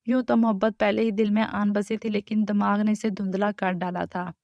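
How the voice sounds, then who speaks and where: Woman storyteller, steady scripted narration; monotone with a gravelly, dry close sound. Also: mid-range voice, dry recording, highs cut off.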